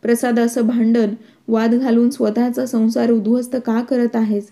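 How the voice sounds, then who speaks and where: A patient older father-in-law, a mild farmer, as a woman reads him. Fairly high yet flat, with a soft, mellow tone, in a narrated storybook. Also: normal speed, lightly acted.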